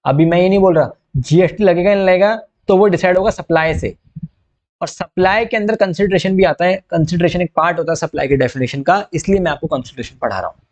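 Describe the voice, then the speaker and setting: A man's voice: high-pitched, quick pace, darkish tone. A young man teaching a recorded exam-prep lecture in a chatty, joking way, often checking with his students and dropping English terms with an Indian accent.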